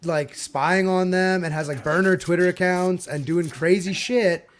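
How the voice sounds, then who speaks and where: A man's voice: high voice, measured pace. A man in a casual sports debate, heated and swearing freely, often repeating himself.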